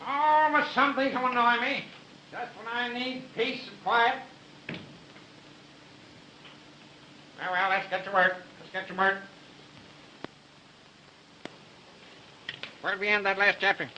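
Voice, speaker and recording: An actor playing an irritable, insulting crime-story writer in an early 1930s film. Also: male voice, high voice, steady tone, fairly quick, pushed and bright, muffled recording, a little hiss or hum. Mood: threatening. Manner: barking, insulting, impatient.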